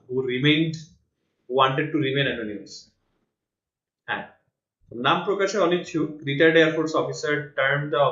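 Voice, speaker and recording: A man's voice: mid-range voice, fairly bright tone. A man with a Bangladeshi accent teaching an online English class, patiently correcting a student's reading and explaining in Bengali. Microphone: online call. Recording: roomy, dull online call audio.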